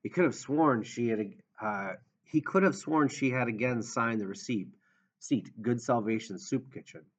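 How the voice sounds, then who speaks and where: A man reading an audiobook in a steady, measured narration. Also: mid-range voice. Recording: dull lo-fi audio.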